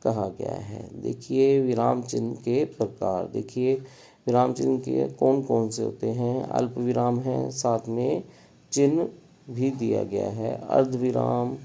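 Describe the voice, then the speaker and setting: Male teacher, dark gravelly voice, slow measured delivery, lists terms with pauses. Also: mid-range voice. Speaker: Hindi grammar teacher. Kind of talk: slow explanatory lesson.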